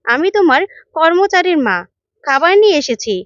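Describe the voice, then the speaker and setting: A woman's voice: very high voice, lively intonation, normal speed, a bit bright, no room sound, voice pushed up. A woman voicing a headstrong middle-aged mother who talks insistently and indignantly, in a dull, dry recording.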